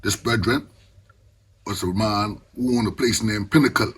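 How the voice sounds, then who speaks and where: A man's voice: on the low side, steady tone, normal speed, fairly bright tone, slightly rough. An older man from the Bahamas with a Caribbean accent, reasoning informally and with passion in Rasta speech with patois phrasing. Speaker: Rastafarian elder.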